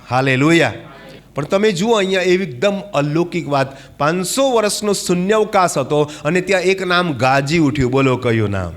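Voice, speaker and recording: A male preacher delivering a fervent sermon. He keeps asking his listeners questions and calling for claps and hallelujahs, dropping to a hush and then rising loud again. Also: fairly high pitch. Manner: calls for claps and hallelujahs, asks the congregation questions; dramatic swings from hushed to loud.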